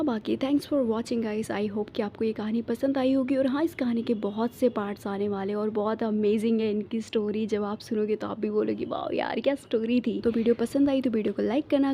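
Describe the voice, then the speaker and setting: A woman storyteller narrating a romance in a gentle, chatty way and talking to her viewers. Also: fairly high pitch, muffled recording, a little hiss or hum.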